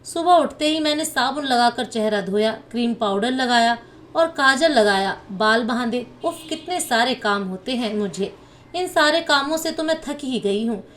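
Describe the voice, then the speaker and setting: A woman's voice: fairly high pitch, animated, moderate pace, fairly bright tone. A woman voicing a vain, scheming young daughter-in-law with a sly, spiteful manner.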